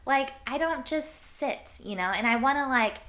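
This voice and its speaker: Woman from Iowa, podcast host, hyper and animated, bright tone. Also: high voice, moderate pace. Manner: hyper and animated, swears casually. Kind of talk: casual storytelling monologue.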